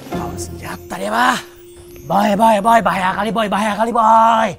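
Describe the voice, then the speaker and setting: A man's voice: high-pitched, steady tone, normal speed, gravelly, over music. A man acting in a comedic skit, bantering in brash slang.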